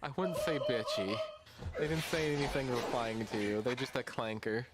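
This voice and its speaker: A man's voice: mid-range voice, normal speed, very noisy. A man streaming live, chatting casually with his viewers in a rambling way while reacting to memes. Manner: rambling and chatty, talks to chat.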